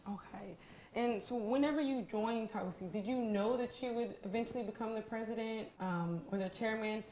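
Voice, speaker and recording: A woman's voice: a little high, normal speed, a little mellow, reverberant, slight background noise. A woman hosting a studio interview, asking friendly, long, multi-part questions. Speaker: interviewer, network host.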